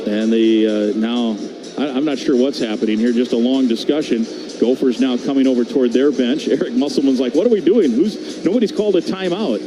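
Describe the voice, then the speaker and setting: An American man with a medium-pitched voice calls live basketball play-by-play on radio, fairly quickly and in short, clipped phrases as the action unfolds. Music plays amid the very noisy arena background of crowd and game ambience.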